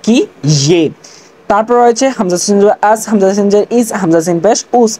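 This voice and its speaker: A teacher giving an online language lesson, drilling letter sounds slowly and deliberately after opening with religious greetings and prayers. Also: medium pitch, a little mellow. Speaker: Urdu teacher.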